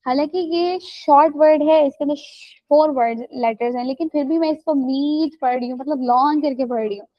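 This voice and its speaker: A woman's voice: sits high, fairly quick, dry recording, lo-fi sound. A woman teaching an English class online, explaining step by step and checking that students follow. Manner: explains step by step, checks understanding with "right?" and "theek hai".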